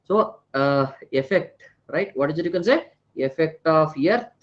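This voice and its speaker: A man with an Indian accent and a high-pitched voice teaches an online class. He repeats his points, often ending them with little check questions, and slips Hindi words into his English. The audio is a bit dull and lo-fi. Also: lively intonation, unhurried. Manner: repeats phrases, frequently tags questions with right and na. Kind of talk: live online lecture with frequent check questions.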